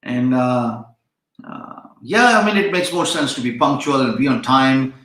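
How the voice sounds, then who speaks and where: This is a casual live-stream lecture from an online freelancing instructor, a chatty man whose first language is Urdu. He speaks at a measured pace with a medium-pitched, slightly bright voice, rambling with plenty of fillers and restarts. The room echoes.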